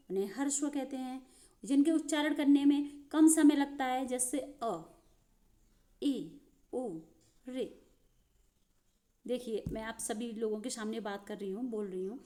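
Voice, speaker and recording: A woman's voice: sits high, dark tone. A woman teaching a grammar lesson, explaining step by step and addressing viewers as friends.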